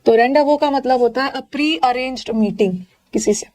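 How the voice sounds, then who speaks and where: A fairly high-voiced woman with an Indian accent runs a live online vocabulary class. She explains each word with playful memory tricks and quick asides to her students. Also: darkish tone, slight background noise. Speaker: English vocabulary teacher.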